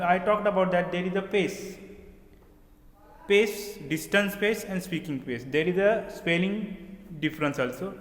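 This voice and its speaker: A man's voice: on the high side, fairly bright tone. Male lecturer in echoey hall. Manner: explanatory, repeats key terms, checks understanding with the listener. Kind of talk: classroom lecture. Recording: echoey room with long reverb.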